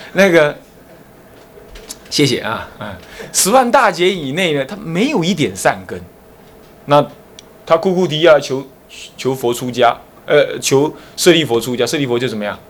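A man's voice: on the high side, moderate pace, a little hiss or hum. A man with a Taiwanese Mandarin accent, a Buddhist abbot giving a dharma lecture and acting out the dialogue in his stories. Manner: animated storytelling, acting out dialogue between characters. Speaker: Buddhist abbot teaching a class.

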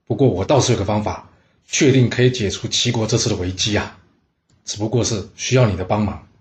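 A man voicing a cunning male minister who speaks low and sly. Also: brisk, natural voice. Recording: roomy echo.

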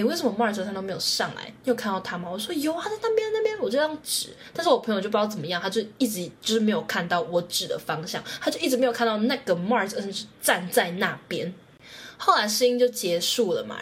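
A young woman hosting her own podcast, telling a story in a casual, animated way, her voice jumping high when she quotes her own excitement. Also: slight background noise. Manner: animated, jumps to high squeals when quoting herself. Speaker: podcast host.

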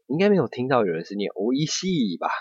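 A patient Japanese teacher gives an online language lesson, explaining step by step and checking in often. His mid-range voice is sing-song and rapid-fire with a breathy edge, recorded dry and close with no echo, slightly muffled and lo-fi.

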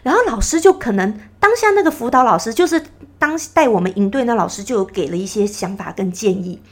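A woman hosts her own podcast in a casual, reflective monologue. Her voice sits fairly high and swings widely in pitch. She talks earnestly, giving advice and acting out small scenes from her stories. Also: fast. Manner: earnest, advising, animated retellings. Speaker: podcast host.

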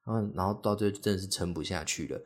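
A young man talks through a casual solo podcast in a very deep, low voice. He rambles and leans on fillers, breaking now and then into little acted-out quotes. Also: racing. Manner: rambling, heavy on fillers, acts out quoted speech. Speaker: podcast host.

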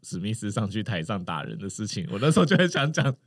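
Low-voiced woman podcast co-host. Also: sing-song, fast talker, husky, no echo. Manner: brief interjections and teasing remarks. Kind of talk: casual chat.

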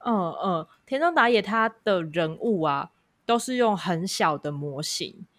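A woman's voice: fairly low pitch, expressive, a little slow, fairly bright tone, dry recording, clean studio sound. A woman with a Taiwanese Mandarin accent co-hosting a casual podcast conversation. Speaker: podcast co-host.

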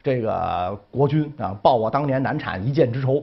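Plotting spiteful queen mother read by a man, husky. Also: medium pitch, lively intonation, moderate pace, highs cut off, pitched below the performer's own voice. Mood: conspiratorial. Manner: conspiratorial.

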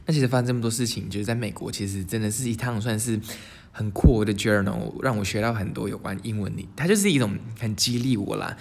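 A young man from Taiwan, hosting his channel in a casual storytelling monologue, lively and sprinkling English words into his speech. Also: lowish voice, quick pace, gravelly. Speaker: channel host.

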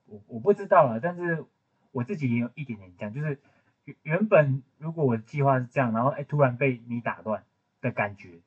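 Fast-talking raspy man, lo-fi sound. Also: mid-range voice, animated. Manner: teasing, quick interjections. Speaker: podcast co-host. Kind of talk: casual chat. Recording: dull lo-fi podcast audio.

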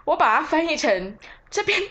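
Lively high-pitched woman storyteller. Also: normal speed. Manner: chatty, self-mocking, lively storytelling. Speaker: podcast host and tour leader. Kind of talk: casual storytelling podcast.

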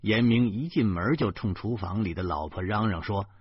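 A man reading a serialized novel aloud with lively storytelling. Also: lowish voice, moderate pace, breathy edge, no echo, lo-fi sound. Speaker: audiobook reader.

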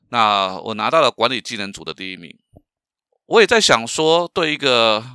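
A middle-aged man from Taiwan hosts his own podcast, talking in an animated, swooping pitch. His tone is bright and forceful, and he leans on fillers and rhetorical questions as he tells stories. The sound is close and dry, with no room around it. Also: dry recording. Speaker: podcast host and professional speaker. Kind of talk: solo podcast talk.

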